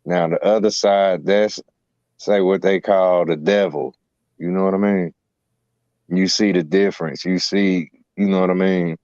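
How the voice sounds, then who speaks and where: A man's voice: deep voice, fairly even intonation, measured pace, a little mellow, no room sound, lo-fi sound. A man, rambling and using lots of filler phrases in a casual spiritual talk. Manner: rambling, with many fillers and "you know what I'm saying". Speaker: co-host.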